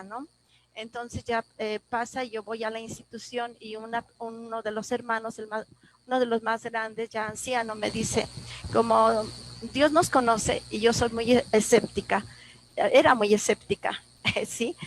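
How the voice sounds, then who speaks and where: A woman in a class discussion telling a personal story, halting and full of restarts, recorded over a video call. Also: fairly high pitch, poor audio. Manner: halting, many restarts and repeated words, emotional retelling. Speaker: class participant.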